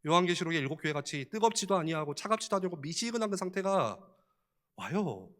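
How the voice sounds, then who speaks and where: A man's voice: sits high, sing-song, fast, fairly bright tone. A male pastor preaching a sermon in a church, in a conversational style, asking the listeners many questions and chuckling often.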